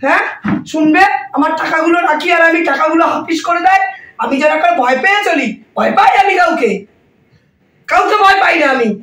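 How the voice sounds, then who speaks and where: A woman playing a loud, quarrelsome mother-in-law who scolds and accuses, in a comic family skit. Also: extremely high pitch, fairly quick. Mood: defiant. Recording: echoey room, voice from a distance.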